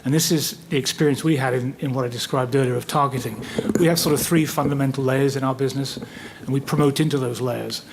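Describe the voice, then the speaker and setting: A man on a conference panel giving a measured, explanatory answer with a touch of dry humor. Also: mid-range voice, fairly even intonation, gravelly, noisy background. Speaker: panelist, business executive.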